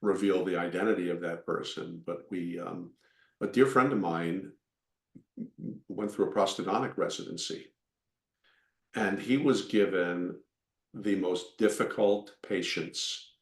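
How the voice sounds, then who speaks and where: Low-voiced man in a roomy echo. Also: measured pace, vocal fry. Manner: reflective, joking, slightly salty. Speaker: dentist guest. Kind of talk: casual podcast chat.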